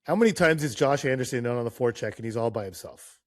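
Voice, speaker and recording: A man co-hosting a hockey podcast, animated and chatty, often restarting phrases as he tells a story. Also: mid-range voice, quick pace, no echo, clean studio sound. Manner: animated storyteller, laughs, stammers. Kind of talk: casual chat, storytelling.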